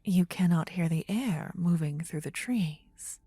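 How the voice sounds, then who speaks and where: In a fantasy ASMR roleplay, a woman plays a possessive, tender demon queen, whispering softly and breathily in an intimate, regal, coaxing manner. Her voice is on the low side and unhurried, with a possessive yet soothing mood. There's no echo.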